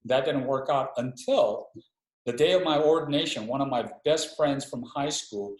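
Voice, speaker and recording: As a guest on a webinar interview, the middle-aged Hawaiian Army chaplain comes through a video call in an echoing room. His voice sits mid-range, a little mellow, at normal speed. He reflects aloud, slightly hesitant, often beginning sentences again.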